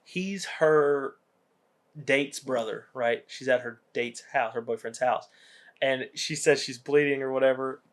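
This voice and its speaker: A man's voice: mid-range voice, a little slow. Young man retelling movie scenes casually. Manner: animated storytelling, acts out quotes. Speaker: podcast co-host.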